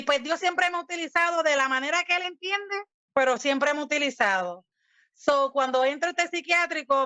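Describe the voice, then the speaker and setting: A Puerto Rican woman giving a personal testimony, telling her story with animated energy and acting out quoted lines. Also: sits high, dry recording. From Puerto Rico. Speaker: guest sharing her testimony. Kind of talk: personal testimony in casual talk.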